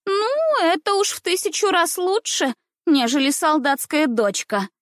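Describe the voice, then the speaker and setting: A woman voicing a haughty, snobbish little girl who speaks in a high, sneering, drawn-out voice, in a storybook reading. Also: expressive, no room sound, studio quality. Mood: scornful.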